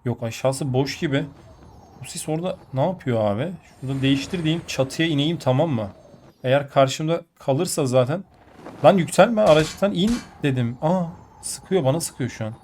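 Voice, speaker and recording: A sick man with a blocked nose and a muffled, nasal voice, giving excitable gameplay commentary that jumps between muttering and outbursts. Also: a little high, normal speed, a little hiss or hum. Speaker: mobile game player.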